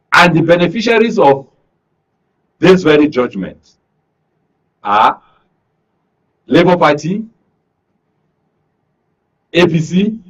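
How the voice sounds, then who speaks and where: A Nigerian man appears as a studio guest on a radio discussion, offering emphatic, deliberate political analysis and frequently repeating phrases. His voice is mid-range and husky, and the recording has its highs cut off.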